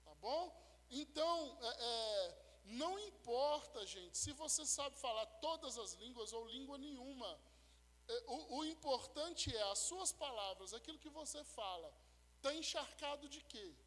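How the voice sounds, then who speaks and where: Pastor de em salão com eco. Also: male voice, extremely high pitch, lively intonation, measured pace, fairly bright tone. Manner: explanatory, checks in with listeners often. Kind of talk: teaching sermon. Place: church hall. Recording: echoey church hall.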